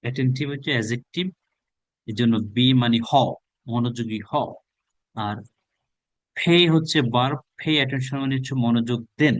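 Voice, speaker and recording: A man's voice: mid-range voice, no echo. Bangladeshi man drilling English phrases. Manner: drills phrases with rapid repetition. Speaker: English teacher. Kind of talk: online spoken English class.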